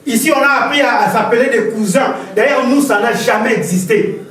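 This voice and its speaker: Recorded from afar in a church hall full of echo, this pastor has a very high voice with a fairly bright tone and a brisk delivery. He preaches with fervor, repeating himself and telling the congregation stories.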